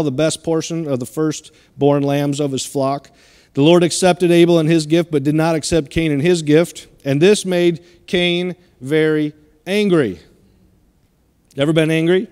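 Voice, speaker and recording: Man preaching, high clear voice, emphatic sermon delivery, long church reverb. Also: darkish tone. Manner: emphatic, repeats phrases, rising to exhortation. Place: church sanctuary.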